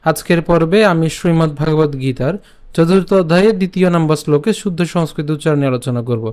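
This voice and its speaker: A man teaching an online lesson on reciting scripture verses, explaining each sound patiently and chanting the verse slowly, syllable by syllable. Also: on the high side, darkish tone, clear, resonant tone. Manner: patient explaining with frequent check-ins.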